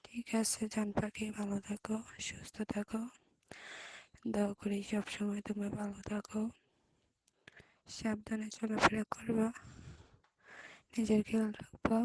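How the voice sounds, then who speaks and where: A hoarse woman, who has a cold, whispering softly in a voice message. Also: medium pitch, monotone, measured pace, long pauses, no room sound.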